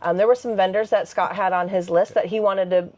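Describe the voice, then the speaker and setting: A woman co-hosting a travel vlog, recapping the trip in a relaxed, chatty way. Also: mid-range voice, fairly quick. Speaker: vlog co-host. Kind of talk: casual sit-down recap chat.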